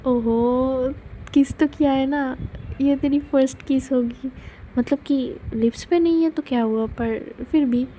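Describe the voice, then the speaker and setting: A woman's voice: high voice, steady tone, measured pace, dark tone, slight background noise, low-quality recording. Teasing best friend Neha, voiced by a woman. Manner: teasing, playful.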